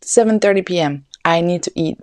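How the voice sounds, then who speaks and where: A woman's voice: lowish voice, fairly quick, dry recording, studio quality. A young woman hosting a podcast, telling a story in casual, rambling chat, swearing often and saying "like" a lot. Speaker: podcast host.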